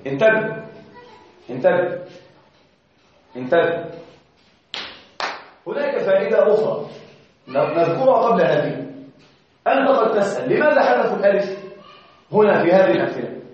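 A high-voiced man teaches an Arabic grammar class, repeating each example slowly and asking his students whether they follow. He chants quoted verses in a recitation tone. The recording is dull and distant, with a very echoey room around him. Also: big pitch swings.

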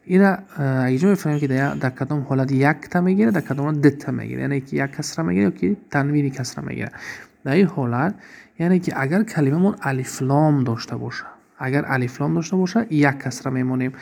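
A man teaching an Arabic grammar lesson, reading example sentences slowly and then asking and answering his own questions. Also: medium pitch, vocal fry, darkish tone.

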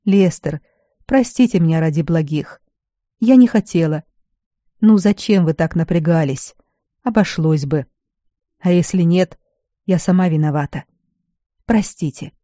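A woman's voice: on the low side, a little slow, pauses often, warm tone, no room sound, lightly acted. A reader voicing a young woman, a former battle mage, who is bedridden and speaks weakly with remorse and bitterness. The recording is dull and dry. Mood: remorseful. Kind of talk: audiobook character voice.

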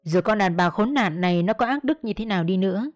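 A woman narrating a first-person story in a steady storytelling manner. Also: medium pitch, fast, no room sound. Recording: dry close mic, faint music.

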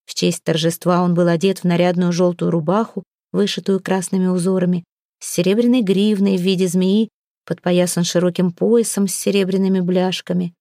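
A woman narrating an audiobook in a calm, even storytelling manner. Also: lowish voice, brisk, dry recording, clean studio sound. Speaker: audiobook reader. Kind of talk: scripted narration.

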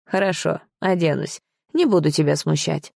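A woman's voice: low voice, normal speed, vocal fry, a little mellow, dry recording, clean studio sound, heavily acted. A woman voicing a domineering, possessive young man in an audiobook, speaking in short, commanding phrases. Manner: curt, commanding. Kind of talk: audiobook character voice.

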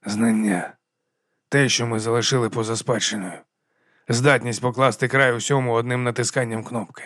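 A man voicing a frail, secretive old man who speaks in a hushed, hissing, barely audible voice in an audiobook. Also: medium pitch, steady tone, moderate pace, no room sound, clean studio sound, natural voice. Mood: hushed grim. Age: older. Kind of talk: audiobook character voice.

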